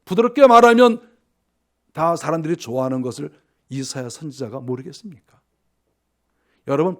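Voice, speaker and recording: A male pastor preaching a sermon in an emphatic way, swinging between loud stresses and quiet asides. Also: medium pitch.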